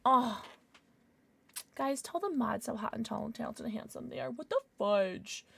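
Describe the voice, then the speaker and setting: Woman streamer, higher-pitched and very lively, giggly, playful, excitable casual chat with viewers. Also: normal speed, creaky, husky. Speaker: live streamer, host.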